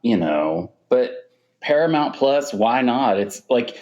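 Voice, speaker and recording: Man with a slow Southern drawl. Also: medium pitch, very animated, a little mellow. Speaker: podcast call-in guest. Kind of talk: casual chat. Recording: dull, lo-fi call audio.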